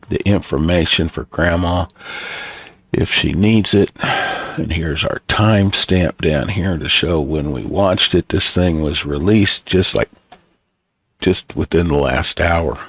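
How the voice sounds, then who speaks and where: Gravelly, slow, very deep grandpa voice. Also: male voice, no echo. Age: older. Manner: halting, unhurried, blunt. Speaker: reaction video host. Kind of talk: rambling casual commentary.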